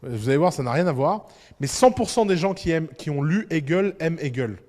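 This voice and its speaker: Emphatic high-voiced man in a reverberant hall. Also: animated, a little fast, a little mellow. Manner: emphatic, rhetorical questions, acts out little dialogues. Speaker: entrepreneur giving a talk. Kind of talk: lively speech to an audience.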